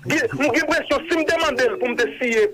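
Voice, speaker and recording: Male caller, high-pitched, indignant and halting, heard over a telephone line. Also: crowd noise.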